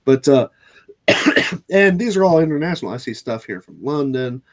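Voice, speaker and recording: A man's voice: a little high, lively intonation, normal speed. Male host, casual chat, blunt and sarcastic, profane, choppy delivery. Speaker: channel host.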